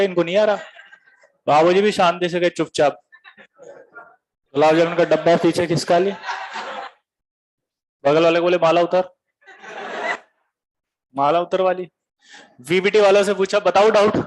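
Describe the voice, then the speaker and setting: High-voiced teacher telling jokes. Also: male voice, moderate pace, pauses often. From Bihar, India. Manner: animated storytelling, quizzing students. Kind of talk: comic classroom lecture.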